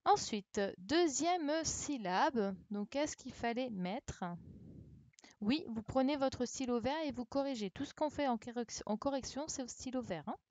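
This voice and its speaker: Woman teacher on a live class stream, patient, repeats the answers, talks slow, no room echo. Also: high voice, expressive, darkish tone. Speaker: primary school teacher. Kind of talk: online class correction, speaking slowly to children. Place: home, remote livestream. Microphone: computer mic on a live stream.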